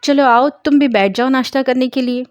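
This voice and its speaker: A woman reading a story aloud, voicing a playful young man who teases his family and later shouts in panic. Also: high-pitched, steady tone, moderate pace, no room sound, muffled recording, pitched above the performer's own voice, lightly acted. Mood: teasing. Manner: teasing, then frantic shouting. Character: young man, joking, protective brother figure.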